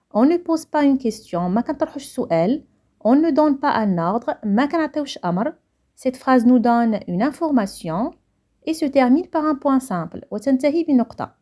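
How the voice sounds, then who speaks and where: A woman with a Moroccan accent teaching a French grammar lesson, going over each point slowly in French and then quickly again in Moroccan Arabic. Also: a little high, mellow. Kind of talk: grammar lesson explaining exercises.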